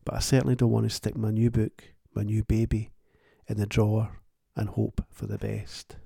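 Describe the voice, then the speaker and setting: A man with a warm, low-toned voice and a little fry in it hosts his own show. He speaks alone in a plain-spoken, thoughtful and wry way. The sound is close and dry, with no room around it. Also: little pitch movement, moderate pace, dry recording. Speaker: author and podcast host. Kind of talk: reflective solo monologue.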